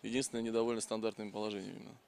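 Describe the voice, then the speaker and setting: A man's voice: lowish voice, little pitch movement, very fast, vocal fry, a little mellow. A man in his thirties, a football coach, giving casual post-match answers outdoors into a held-out microphone. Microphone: interviewer's handheld microphone.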